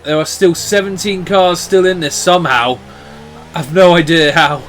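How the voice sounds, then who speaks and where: A man commentating live on motor racing as a motorsport commentator, in an excitable, exclamatory way. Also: a little high, moderate pace, soft background music.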